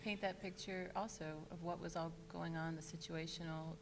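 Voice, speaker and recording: Low gravelly lady moderating a panel, calm follow-up questions, humming noisy recording. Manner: measured, affirming, sums up and asks follow-ups.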